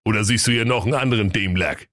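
A man voicing a small, fat, grouchy king in a comic radio fairy tale, gruff and blunt. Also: lowish voice, fast, fairly bright tone, no echo, clean studio sound, lightly acted. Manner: gruff, blunt, name-calling.

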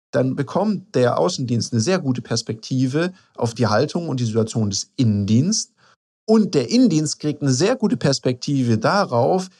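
A man hosting a solo business podcast, addressing the listener directly in a relaxed, informal way. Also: medium pitch, husky. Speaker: podcast host and sales trainer.

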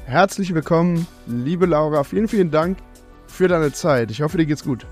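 A man's voice: on the high side, lively intonation, moderate pace, a little mellow, soft background music. A man hosting a podcast, reading the intro and asking questions in a friendly, upbeat way. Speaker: podcast host.

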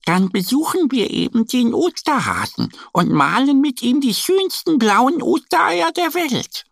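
A man voicing a gentle, cheerful little female duck in a children's storybook, with a high, soft, childlike voice. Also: very animated, measured pace, vocal fry, no room sound, studio quality, exaggerated voice. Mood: encouraging.

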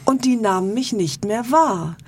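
A middle-aged woman, a talk show guest, telling lively anecdotes with self-mocking humor. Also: fairly high pitch, unhurried, slight background noise.

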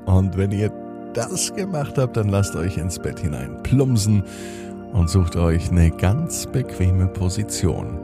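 A man gently narrating a bedtime story and talking straight to children. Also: low voice, big pitch swings, slow, music in the background. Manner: gentle, addresses children directly.

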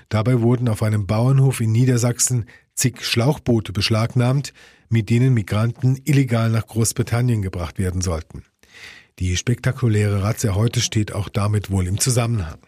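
A man's voice: lowish voice, fairly even intonation, moderate pace, mellow, husky, no echo, clean studio sound. A man narrating a dramatic news report in a tense, scripted read.

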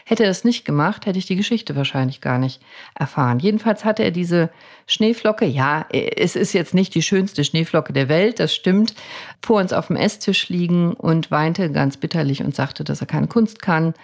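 A middle-aged woman with a low voice and plenty of vocal fry tells a personal story as a podcast host. She talks in a reflective, conversational way and restarts often. Her voice has a gravelly edge. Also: moderate pace, a little mellow. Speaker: doctor and mother.

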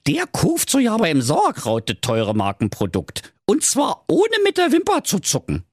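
A spoiled, snippy rich girl played by a man squeals her lines in a shrill Berlin falsetto. The pitch swoops wildly up and down, and the dry, close recording leaves nothing to soften it. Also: wildly swooping pitch, unhurried, no echo, heavily acted. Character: spoiled bratty rich young woman, rude.

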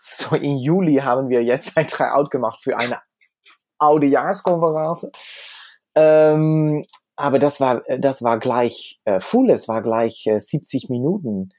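A man's voice: mid-range voice, darkish tone. A man from the Netherlands with a Dutch accent, a native Dutch speaker, talking casually as an interview guest and often searching for words. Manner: halting, searching for words in German. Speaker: cabaret performer, interview guest.

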